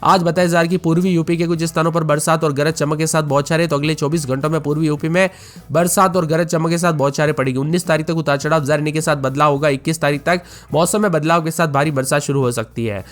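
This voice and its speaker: A man presenting a rapid-fire weather news update, reeling off items in list-like runs and addressing listeners as friends. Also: fairly high pitch, fairly even intonation. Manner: reels off long runs of items in a list-like, repetitive delivery.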